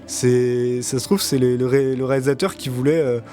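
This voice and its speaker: Halting male host over faint music. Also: medium pitch, steady tone, warm tone. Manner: hesitant, halting, in short bursts. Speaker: show host. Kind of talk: casual discussion of anime.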